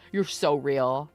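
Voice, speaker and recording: A woman in her thirties hosting a live stream in casual chat. She teases her viewers, laughs often, and breaks into loud mock protests. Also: low-pitched. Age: 30s. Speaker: streamer host.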